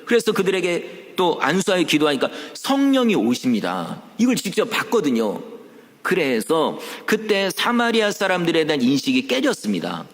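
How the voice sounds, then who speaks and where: A man preaching a Sunday sermon as pastor, animated and full of rhetorical questions, acting out quoted voices. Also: a little high, moderate pace. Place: church sanctuary. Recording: long church hall reverb.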